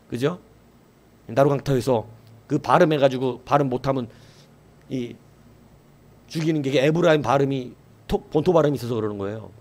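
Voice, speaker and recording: A man's voice: mid-range voice, a little mellow. A male pastor preaching a sermon. He often asks the congregation a question and then answers it himself. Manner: acts out quoted voices in a raised voice.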